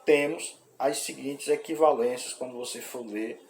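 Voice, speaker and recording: A man's voice: medium pitch, moderate pace, vocal fry, darkish tone, a little hiss or hum. Man teaching Greek with a Brazilian accent. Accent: Brazilian Portuguese. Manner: frequent "né?" tag questions and hesitant fillers. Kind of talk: informal classroom lecture.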